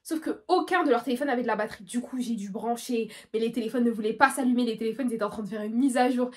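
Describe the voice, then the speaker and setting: A teenage girl vlogger with a high, bright-pitched voice tells a storytime. She retells everything dramatically and breaks into loud outbursts. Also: quick pace. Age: late teens. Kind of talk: storytime vlog.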